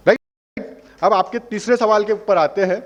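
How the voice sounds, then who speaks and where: A man's voice: sits high, a little slow. A man representing a holiday membership company, answering customers' questions and persuading them by asking questions and answering them himself. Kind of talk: explaining a sales pitch to customers.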